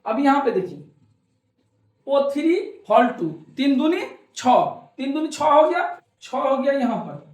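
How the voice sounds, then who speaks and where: A man's voice: very high-pitched, very animated, unhurried, darkish tone. Coaxing male chemistry teacher, echoey room. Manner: repetitive, coaxing, asks questions and answers them himself. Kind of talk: classroom lecture.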